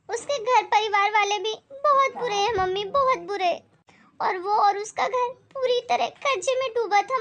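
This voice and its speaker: A woman's voice: extremely high pitch, a bit bright, voice pushed up. A woman doing a tearful, pleading young daughter. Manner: pleading, sobbing, apologetic.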